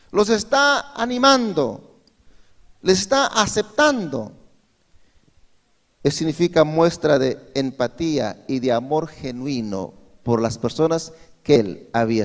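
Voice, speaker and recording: A male pastor preaches a Sunday sermon in a church hall. His voice is somewhat high for a man, and he keeps asking his listeners rhetorical questions. The hall gives his voice a long, ringing reverb. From Peru. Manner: asks the congregation frequent rhetorical questions.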